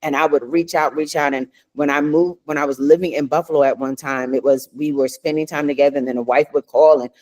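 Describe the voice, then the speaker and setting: A woman's voice: low-pitched, steady tone, fast, hardly any pauses, a little mellow. A middle-aged woman co-hosting a casual chat, telling a personal story earnestly with many restarts and asides. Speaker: co-host.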